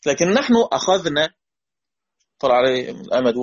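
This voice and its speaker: Egyptian man teaching recitation, husky voice. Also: fairly high pitch, very animated, fairly quick. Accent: Egyptian Arabic. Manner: asks the class questions, repeats and chants example words. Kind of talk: classroom lecture on recitation rules. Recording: dull lo-fi recording.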